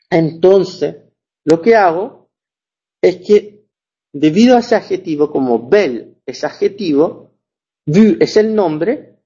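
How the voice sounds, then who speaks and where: A man gives a language lesson at an unhurried pace, repeating himself and checking that his students understand. His voice is mellow and a little husky. The recording sounds dull and lo-fi. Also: high voice. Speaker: French teacher.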